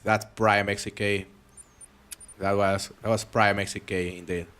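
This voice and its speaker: This foreign-accented young man has a lowish voice and speaks a little slowly as he streams a hunting game live. Chatting with viewers and reading their messages, he stays relaxed and talkative, often restarting his sentences as he rambles.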